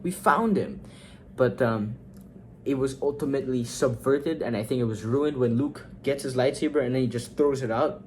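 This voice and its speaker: Young male vlogger, casual rambling review, excitable spikes, faint background hiss. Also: mid-range voice. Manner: rambling, fillers and quoted reactions, swings up when excited. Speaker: movie ranking vlogger.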